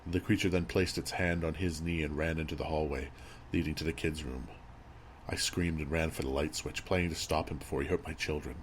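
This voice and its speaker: Male horror narrator, very deep register, measured and grave delivery, slight background noise and ambience. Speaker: creepypasta narrator. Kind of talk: scripted horror story narration.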